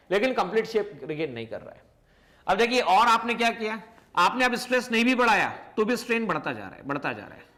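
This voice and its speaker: High-voiced man teaching physics. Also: pushed and bright. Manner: asks questions and answers them himself; repeats key phrases, stretches words slowly. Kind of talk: recorded classroom lesson.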